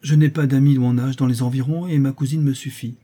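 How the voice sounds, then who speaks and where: A man's voice: medium pitch, fairly even intonation, fast talker, mellow, husky, voice pushed up, natural voice. A man voicing an earnest, sincere young orphan woman in a read-aloud novel, raising his voice for her.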